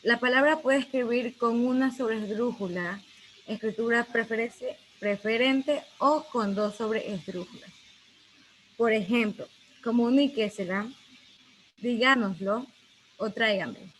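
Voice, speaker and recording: A woman's voice: a little high, unhurried, poor audio. Young woman reading definitions, hesitant. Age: young adult. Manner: reads definitions with hesitant fillers. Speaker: student presenter. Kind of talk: class presentation. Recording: faint background noise.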